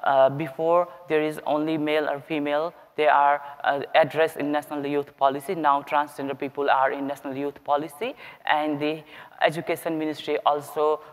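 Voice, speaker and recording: Nepali-accented man, halting panel talk. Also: on the high side, flat delivery. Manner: halting, many fillers. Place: conference stage. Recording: long reverb in a hall.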